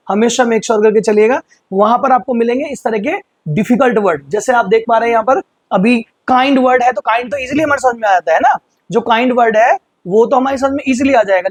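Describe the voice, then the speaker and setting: A man teaching English vocabulary in Hindi, explaining patiently and slowly repeating words for pronunciation. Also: very high-pitched, no room sound. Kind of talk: vocabulary lesson.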